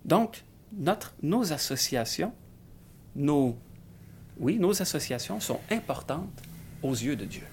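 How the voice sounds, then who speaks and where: A man, reading Bible verses slowly and thinking aloud with some hesitation as he explains them. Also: fairly high pitch, sing-song, a little mellow, a little hiss or hum. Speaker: Bible discussion speaker. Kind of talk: conversational Bible teaching.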